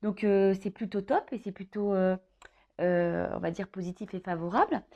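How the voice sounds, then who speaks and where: This tarot reader speaks in a mid-range voice at a moderate pace, captured on a muffled recording. Addressing the viewer informally during a love horoscope reading, she makes it up as she goes, hesitating, repeating herself and often adding "hein."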